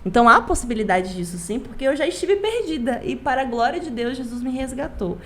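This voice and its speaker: A woman's voice: high-pitched, lively intonation, fast talker. A young adult woman from Rondônia sharing an emphatic personal faith testimony as a guest, repeating phrases for stress. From Rondônia, Brazil. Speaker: guest, youth church leader.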